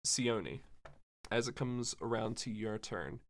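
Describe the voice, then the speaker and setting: A man narrating as game master of a tabletop game, describing the action with many pauses and fillers. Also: mid-range voice.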